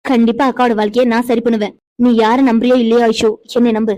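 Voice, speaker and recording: A woman plays a young cartoon wife with a high voice and a dark, mellow tone. She stammers and protests shyly when teased. The sound is dry and close. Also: little pitch movement, fast talker, dry recording, natural voice, poor audio. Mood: reassuring. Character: caring young wife, bashful and teasing. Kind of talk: Tamil cartoon voice acting.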